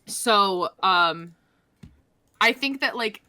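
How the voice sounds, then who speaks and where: A woman's voice: mid-range voice, extremely slow. A young woman co-hosting a casual podcast, rambling through stories with lots of fillers and restarts. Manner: rambling, filler-heavy, animated storytelling. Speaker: podcast co-host. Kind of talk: casual chat.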